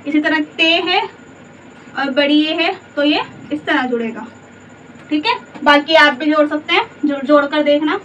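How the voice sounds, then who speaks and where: A woman's voice: high voice, moderate pace, fairly bright tone. A woman teaching letters step by step, patient and repetitive, often asking simple check questions. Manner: patient, repeats letters and asks rhetorical checks. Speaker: Urdu teacher. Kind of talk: slow step-by-step letter lesson. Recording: distant mic, dull lo-fi sound, faint room noise.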